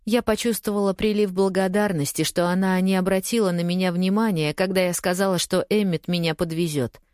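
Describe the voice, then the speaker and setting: A woman with a fairly low voice reads first-person audiobook narration in a steady, measured way. The sound is close and completely dry. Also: no echo.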